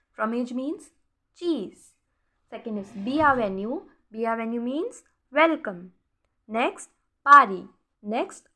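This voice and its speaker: A woman teaching a beginner lesson, repeating key words slowly and quizzing her learners. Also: high-pitched, bright, forceful tone. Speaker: French teacher. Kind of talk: recorded classroom lesson voice-over.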